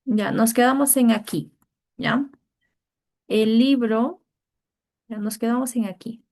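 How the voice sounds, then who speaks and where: A woman's voice: a little high, fairly even intonation, normal speed, gravelly, darkish tone. A woman teacher leading an online grammar class over a video call, patiently coaxing each student by name.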